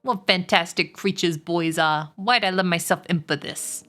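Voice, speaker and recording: A woman reading aloud and voicing a fussy, talkative male rat in a slow, complaining manner. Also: fairly low pitch, fairly bright tone, lightly acted. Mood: grumbling.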